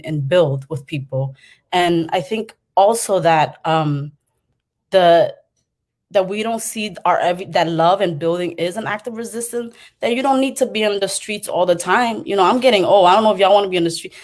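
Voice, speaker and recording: A middle-aged woman from Cambodia tells her story on a panel. Her voice sits on the low side. She speaks with passion, often pausing on fillers and restarting a thought before pushing it through. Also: darkish tone.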